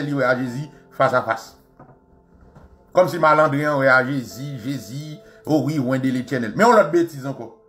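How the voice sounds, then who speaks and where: A man with a Haitian Creole accent, hosting a show and delivering an impassioned, mocking monologue. He repeats phrases and swings between loud outbursts and low asides. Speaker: radio show host.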